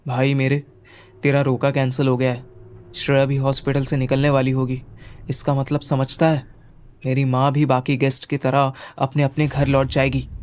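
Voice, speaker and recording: A man's voice: medium pitch, darkish tone. A young man narrating a first-person audio story in a wry, casual manner.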